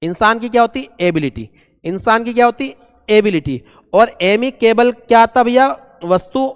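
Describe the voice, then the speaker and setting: High-voiced man teaching vocabulary. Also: big-room sound. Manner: repeats key words and quizzes students. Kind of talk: vocabulary lesson.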